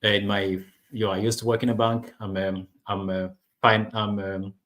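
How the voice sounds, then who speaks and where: He has a lowish, slightly bright voice with little pitch movement, delivered at normal speed. A non-native English speaker from Rwanda, this online business vlogger talks casually to camera, often starting over and using fillers.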